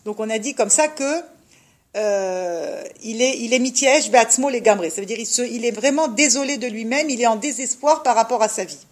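A woman's voice: fairly high pitch, normal speed. A woman teaching a religious class to a group of women. She talks animatedly and addresses her listeners directly with rhetorical questions. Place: unheated room with a group of women.

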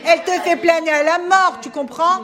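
High-voiced woman explaining emphatically. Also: steady tone, fairly quick, crowd noise. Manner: emphatic, coaxing, repeats calls for attention. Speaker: spiritual advisor. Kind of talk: explaining religious teaching in conversation.

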